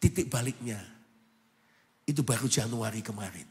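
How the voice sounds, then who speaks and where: A man preaching a sermon, telling a story with drama, from hushed low lines up to loud shouts, in a large church hall. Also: lively intonation, normal speed. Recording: music under a long hall reverb.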